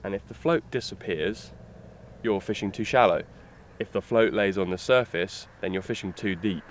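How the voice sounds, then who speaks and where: A man's voice: on the low side, normal speed. Young man teaching fishing outdoors. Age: young adult. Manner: relaxed explaining with fillers while handling gear. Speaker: fishing instructor. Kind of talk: outdoor tutorial demonstration. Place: lakeside outdoors. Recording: faint outdoor noise.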